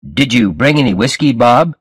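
A man's voice: medium pitch, big pitch swings, moderate pace, husky, no echo, studio quality. A man voicing a nervous, guilt-ridden young groom with a tense, urgent way of speaking, in a read-aloud story.

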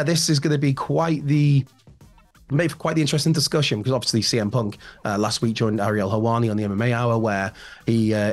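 A man in his thirties hosts a solo wrestling news show from a home room lined with shelves, speaking into a large studio mic in front of him while wearing headphones. His medium-pitched voice is slightly hoarse and raspy, and he's chatty and rambling, full of fillers and asides.

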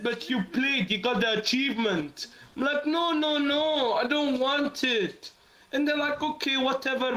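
A man from Ethiopia with an Ethiopian accent, chatting casually in a virtual world over a headset, halting with many fillers and restarts. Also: extremely high pitch, bright, forceful tone, rough recording. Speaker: VR chat player. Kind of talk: casual chat. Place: online virtual world voice chat.

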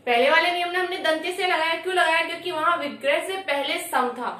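A woman teaching an exam-prep grammar lesson in a high voice, stating each rule and then asking her own questions and answering them. She sounds far from the microphone, in a strongly echoing room. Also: quick pace, pushed and bright. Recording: echoey room, far from the mic.

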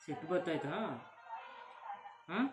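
A man's voice: a little high, steady tone, measured pace, over music. A young father teasing his baby son in playful baby talk, with sing-song babble and repeated calls. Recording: echoey room with loud background noise.

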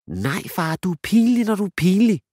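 A man doing a high-voiced little girl, embarrassed. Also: sing-song, dark tone, husky, no echo, clean studio sound, exaggerated voice. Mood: protesting. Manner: high, insistent, pleading.

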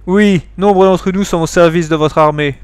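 A man voicing a bitter Polish soldier on trial, in a put-on Slavic accent, slow and proud. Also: sits high, steady tone, clear, resonant tone, no room sound, lightly acted. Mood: stiff.

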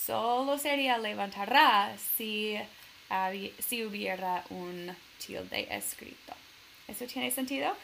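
A woman's voice: medium pitch, slow pace, gravelly, a bit bright, a little hiss or hum, rough recording. A woman teacher reading a storybook aloud to her students and stopping to explain grammar carefully, with fillers along the way. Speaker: Spanish teacher.

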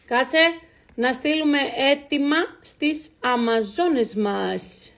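A bright, high-pitched woman chats on a live stream, welcoming viewers one by one by name. She keeps a playful, teasing tone throughout, warm in the way of an easygoing host. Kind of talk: casual live-stream chat.

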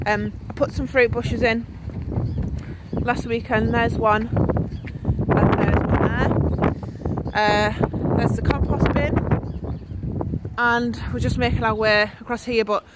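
A middle-aged woman talks her way around her allotment, pointing out each bed as she walks. Her voice sits a little high. Loud wind and outdoor noise rush across her handheld phone mic. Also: steady tone, slow pace, long pauses. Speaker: vlogger. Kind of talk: casual allotment tour. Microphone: handheld phone camera.

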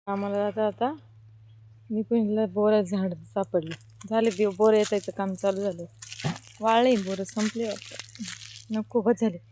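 A woman's voice: mid-range voice, fairly even intonation, unhurried, long pauses, warm tone, a little hiss or hum. Chatty woman on a farm. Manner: chatty, matter-of-fact, talks to her child while walking. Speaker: vlogger, farm mother. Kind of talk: casual vlog narration. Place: outdoors on a farm.

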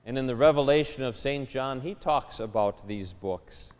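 A man preaching a sermon as a pastor, measured and deliberate, rising in emphasis on key phrases. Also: medium pitch. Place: church sanctuary. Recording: dull lo-fi church recording with long reverb.

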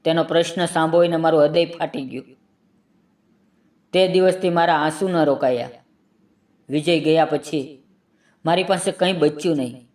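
Higher-voiced man narrating an emotional story. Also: steady tone, moderate pace, pauses often, darkish tone, recorded from a distance. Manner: earnest, dramatic first-person storytelling.

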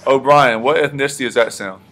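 A man's voice: mid-range voice, fairly quick, fairly bright tone. A man teaching history to a class, questioning the students and echoing their answers. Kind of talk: classroom lesson.

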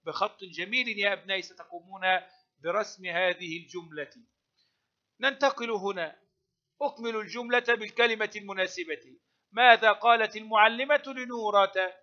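High bright male teacher, slow and patient. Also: highs cut off. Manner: slow, drawn-out repetition of words for pupils, frequent praise. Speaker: primary school Arabic teacher. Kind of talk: recorded classroom lesson for young children.

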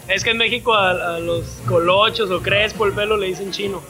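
A young man from Guadalajara with a Mexican accent, a bassist answering interview questions in a relaxed, thoughtful way. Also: brisk, low-quality recording. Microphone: handheld mic. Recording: music playing behind.

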